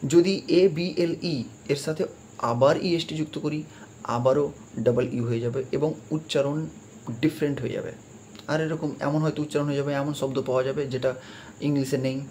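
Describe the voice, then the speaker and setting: A man explaining English grammar in a lesson. He talks it through with hesitant fillers, mixes English terms into his speech and reads example sentences out slowly. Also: fairly high pitch, steady tone, a little mellow, a little hiss or hum. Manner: slow deliberate reading of English examples, mixing English terms into his talk.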